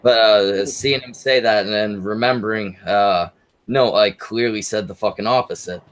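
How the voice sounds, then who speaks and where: A man hosting a casual livestream chat, talking haltingly and swearing often. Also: lowish voice, steady tone. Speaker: livestream host. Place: online group voice call.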